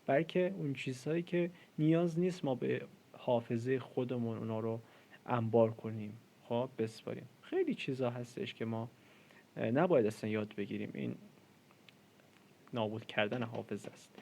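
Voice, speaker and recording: A man's voice: medium pitch, steady tone, creaky, a little mellow. A man in his twenties giving a casual coding lesson, chatty and self-deprecating, with lots of fillers. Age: 20s. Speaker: programming tutor.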